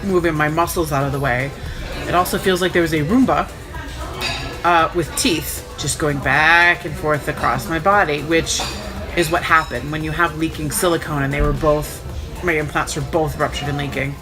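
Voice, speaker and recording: A woman's voice: sits low, fairly even intonation, normal speed, music in the background. A woman sore and recovering from surgery tells her story casually, in a frank, wry, sarcastic way. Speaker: vlogger recounting own surgery. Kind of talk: casual first-person storytelling.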